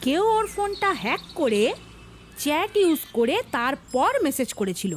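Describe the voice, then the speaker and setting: A woman playing a very high-voiced eager junior officer. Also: very animated, moderate pace, slight background noise. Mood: earnest. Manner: pleading, keeps saying madam. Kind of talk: web series acting.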